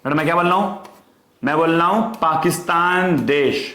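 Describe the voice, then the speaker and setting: Brief: male teacher, fairly high voice, drills students with repetition, echoey room. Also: normal speed, pushed and bright. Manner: repetitive call-and-response drilling, addresses students as "beta". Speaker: economics teacher. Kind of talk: online class lecture.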